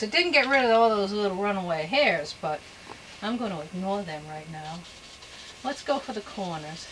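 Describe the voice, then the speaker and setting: Gentle woman painting instructor over background noise. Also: mid-range voice, rough recording. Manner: gentle, easygoing, encouraging; folksy, chatty, murmuring asides to self. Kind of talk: casual step-by-step painting demonstration.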